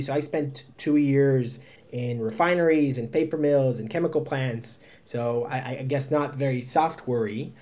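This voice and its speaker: A man in his thirties answers interview questions in a loose, chatty way, full of fillers and self-deprecating asides. His voice sits in a middle pitch and stays upbeat throughout. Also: darkish tone. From Israel. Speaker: startup founder and guest.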